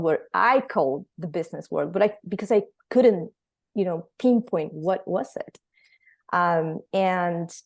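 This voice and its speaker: A woman's voice: fairly low pitch, darkish tone. A woman from Venezuela, a company founder, telling her story as an interview guest in a chatty way with many fillers. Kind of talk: casual interview answers.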